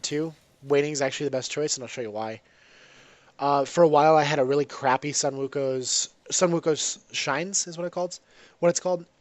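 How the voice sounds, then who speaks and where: This mid-range male voice, recorded dry, is congested from a cold as he narrates his gameplay casually. He keeps restarting sentences, correcting himself, and filling gaps with ums.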